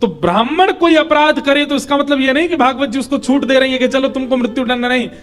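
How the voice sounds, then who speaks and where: A man's voice: extremely high pitch, fast, fairly bright tone, soft background music. A young man preaching a devotional scripture discourse, telling the story with acted dialogue and chanting verses. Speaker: katha preacher.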